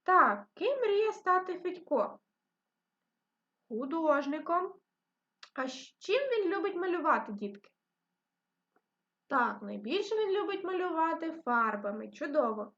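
A woman with a high, bright voice leads a reading and phonics lesson for young children. She speaks slowly and clearly, praising and guiding them with patience. The recording sounds somewhat dull and lo-fi. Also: very animated. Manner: patient, encouraging, slow and clear for small children. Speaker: primary school teacher.

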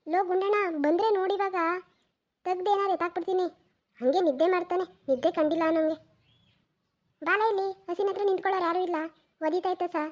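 A loud, bossy village mother in a cartoon, as a woman voices her. She calls out briskly in a very high, quick voice. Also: lo-fi sound. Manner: shouting, brisk. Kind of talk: cartoon voice acting.

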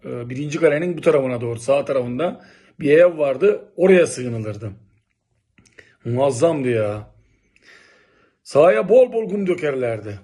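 A middle-aged man from Turkey telling old local stories in a lively, exclamatory, casual way. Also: a little high. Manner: animated, exclamatory, lively storytelling. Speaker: local vlogger reminiscing. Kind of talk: casual nostalgic monologue.

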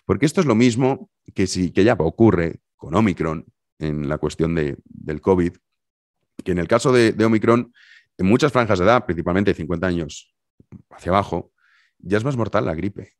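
A man's voice: low voice, normal speed, no room sound, clean studio sound. A man with an accent from Spain, hosting a podcast and telling his listeners an anecdote in a casual monologue, acting out the lines of the people in it. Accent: Spanish from Spain. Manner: animated storytelling, acting out dialogue. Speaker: podcast host.

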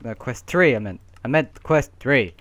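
A man's voice: mid-range voice, expressive, normal speed, a crowd in the background. A young man giving casual, playful commentary while playing a game with a friend, humming and yelping as he goes. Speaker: gamer.

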